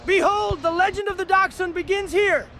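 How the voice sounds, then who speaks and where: Whimsical fantasy-comedy mystic, extremely high voice, theatrical and grandiose, faint noise behind. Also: male voice, moderate pace, sharp tone, exaggerated voice. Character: whimsical, grandiose eccentric mystic who reveres spirits and prophecy. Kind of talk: scripted fantasy comedy dialogue.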